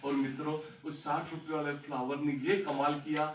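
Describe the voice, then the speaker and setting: A man's voice: fairly high pitch, level tone, normal speed, distant mic, muffled recording, a little hiss or hum. A man telling a story about his life to an audience as a motivational speaker, recorded in a large hall. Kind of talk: storytelling talk on stage.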